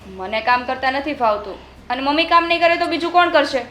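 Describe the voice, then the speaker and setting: An actress playing a spoiled young daughter-in-law who refuses housework, in a short drama. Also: female voice, sits high, animated, fast talker, fairly bright tone, echoey room, slight background noise. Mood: defiant. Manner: defiant, dismissive.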